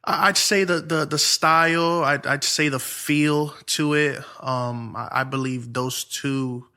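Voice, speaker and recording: A man's voice: on the high side, steady tone, slow, pushed and bright. A young man from Ohio, a church music minister who is a podcast guest, talking in a laid-back, friendly way with some restarts. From Lorain, Ohio. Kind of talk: casual interview talk.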